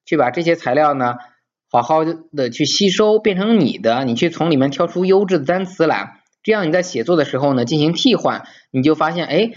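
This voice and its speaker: A man's voice: a little high, lively intonation, brisk, dull audio. A man teaching as an English teacher in an informal video lesson, emphatic and coaxing, often asking his listeners rhetorical questions.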